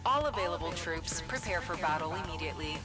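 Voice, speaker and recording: An actor voicing a calm automated school alarm computer that makes flat, measured alert announcements over loud game music. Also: mid-range voice. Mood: urgent calm.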